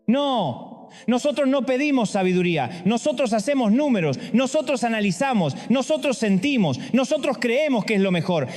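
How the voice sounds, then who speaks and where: A man preaching a sermon, firing rhetorical questions and swinging between loud and hushed delivery. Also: sits high, big-room sound.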